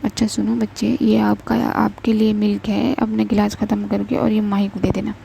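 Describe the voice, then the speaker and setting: A woman voicing a caring, gently firm middle-aged mother who coaxes and soothes. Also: mid-range voice, flat delivery, moderate pace, vocal fry, slight background noise. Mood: coaxing. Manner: soothing, coaxing.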